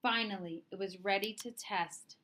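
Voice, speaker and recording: Reading a children's storybook aloud, she uses an expressive narrating style. Her pitch is medium and her speed normal.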